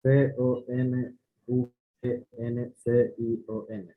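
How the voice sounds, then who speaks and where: A man in a spelling contest, spelling words out letter by letter in a halting, hesitant way. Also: mid-range voice, completely flat delivery. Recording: tinny phone-like call audio.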